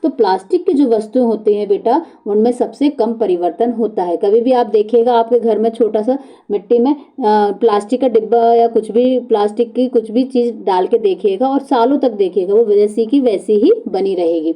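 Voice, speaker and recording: A woman teacher with a notably dark, mellow voice pitched a little high walks young students through quiz answers. She keeps asking the class rhetorical questions and answering them herself, repeating each answer. Her voice settles lower whenever she confirms the correct option. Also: moderate pace. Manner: repeats key words and answers, calls out options to children. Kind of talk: exam-prep lesson walking through multiple-choice questions.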